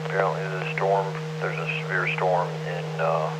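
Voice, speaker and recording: A man acting as net control on a ham radio net. He is relaxed and thankful and hands the floor to each station in turn. He is heard over a radio transmission. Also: deep voice, moderate pace, heavy background noise. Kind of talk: on-air radio net chat.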